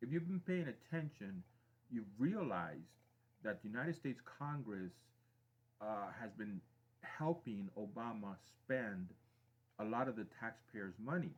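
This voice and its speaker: A middle-aged man from Mexico hosting a live stream, giving a deliberate, emphatic opinion monologue and repeating phrases for weight. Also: lowish voice, lively intonation, slightly rough. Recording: dull lo-fi stream audio.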